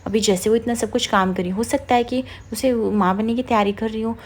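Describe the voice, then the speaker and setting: A woman retelling a serial who voices a gentle young wife who soothes and defends others, speaking quickly. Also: a little high, steady tone, lightly acted.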